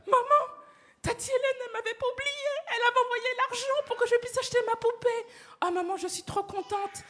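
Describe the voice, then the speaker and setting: A woman voicing an excited eight-year-old girl who shrieks and calls out eagerly in a storytelling voice. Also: a little high, fairly quick. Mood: overjoyed.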